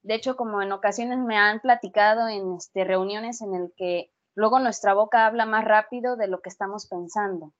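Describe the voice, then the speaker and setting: A woman co-hosting a casual educational podcast, explaining lively with spoken examples. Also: medium pitch. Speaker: podcast co-host. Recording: dull lo-fi sound.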